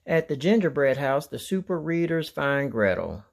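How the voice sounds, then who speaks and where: A woman reading a children's sound book aloud, narrating between the characters' lines. Her voice has a gravelly grain and moves up and down lively through each sentence. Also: low voice, moderate pace. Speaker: storybook reader.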